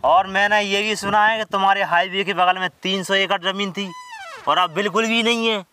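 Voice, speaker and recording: An actor playing a scheming, persuasive young village friend, conspiratorial and rustic, in a comedy skit. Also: male voice, high-pitched, steady tone, normal speed, bright, forceful tone, soft background music. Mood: gossipy.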